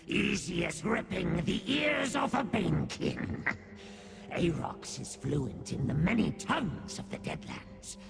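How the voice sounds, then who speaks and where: Aarox, shrieky gravelly boastful little demon. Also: male voice, high voice, exaggerated voice. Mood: smug. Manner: grandiose, theatrical, refers to himself in third person. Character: boastful tiny demon warlord trapped in a puny creature's body. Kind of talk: video game character acting.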